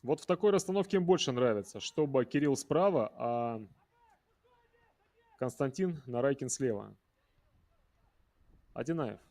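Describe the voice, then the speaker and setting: A man's voice: mid-range voice, animated, a little slow, long pauses, darkish tone. A man giving live football commentary in a conversational way, talking directly to viewers and players.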